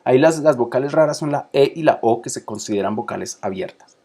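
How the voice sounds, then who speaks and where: A man's voice: medium pitch, expressive, fairly quick, warm tone, breathy edge. A man teaching a lesson on screen, talking informally and often checking that his listeners follow. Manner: many fillers and restarts, checks in with listeners. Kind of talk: explaining lesson to camera.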